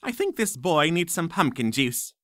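A man voicing a fussy, brisk old female witch teacher in a storybook reading, with a high, prim tone. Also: very animated, bright, forceful tone, dry recording, studio quality.

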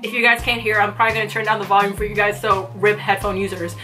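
A giggly young woman hosting a casual reaction vlog from a small room at home. Her voice is bright and a touch high, her talk is full of excited filler words, and soft music plays behind her. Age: young adult. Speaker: vlog host.

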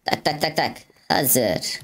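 A woman's voice: rumbling low, lively intonation, slow pace. A woman giving playful, chatty let's play commentary to her viewers, peppered with mouth sound effects. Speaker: gaming video host.

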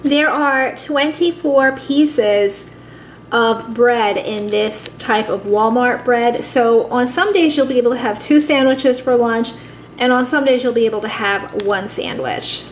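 An unhurried woman with a voice on the high side hosts a cooking channel, taking viewers through a simple recipe step by step. She's chatty, calls her audience guys, and records in an echoey room with faint background noise.

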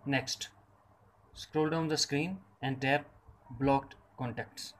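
Slowly and steadily, a tutorial presenter with a mid-pitched, fairly bright voice narrates a scripted tech walkthrough. He splits each step into short, separate phrases, and the recording sounds rough.

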